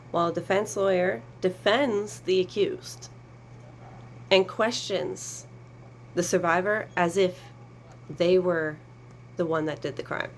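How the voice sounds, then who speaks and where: A woman's voice: fairly low pitch, slight background noise, rough recording. A woman advocate speaking earnestly to camera, explaining a process with emphasis and sarcasm. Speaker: survivor advocate.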